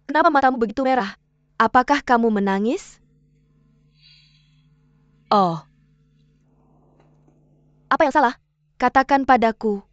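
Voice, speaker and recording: A woman's voice: high voice, unhurried, long pauses, dry recording. A woman dubbing a worried young woman who keeps pressing her close friend with questions. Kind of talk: drama dub. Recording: dull dry studio dub, faint music.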